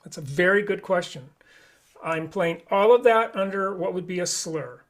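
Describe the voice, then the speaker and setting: A man's voice: high-pitched, moderate pace. A man teaching a live online flute lesson, explaining each step patiently.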